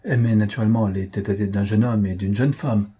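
A man's voice: fairly low pitch, steady tone, a little fast, warm tone, slightly rough. Man putting on a needling society gossip lady. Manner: needling, indignant questions.

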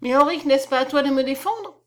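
A young, innocent countess who speaks softly, as a woman reads her. She pleads with her husband, then turns quietly cold. The voice sits a little high. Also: a little fast. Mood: pleading. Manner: soft, pleading.

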